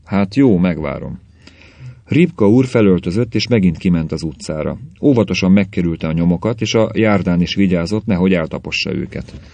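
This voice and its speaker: A man with a very low voice reads a short story aloud at a steady, measured pace. The recording is dry and close, with no room sound around him. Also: no echo. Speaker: narrator. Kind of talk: audiobook reading of a short story.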